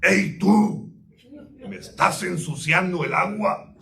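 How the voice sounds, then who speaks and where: A preacher doing a quarrelsome bully lion. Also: male voice, sits high, slow pace, sharp tone, reverberant, pitched above the performer's own voice, full character voice. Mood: angry. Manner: gruff, picking a fight. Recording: distant mic, faint room noise.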